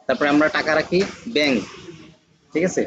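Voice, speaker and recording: A man teaching a lesson on conjunct letters, patiently repeating each example word slowly. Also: fairly high pitch, muffled recording, noisy background. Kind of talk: classroom lesson on Bengali spelling.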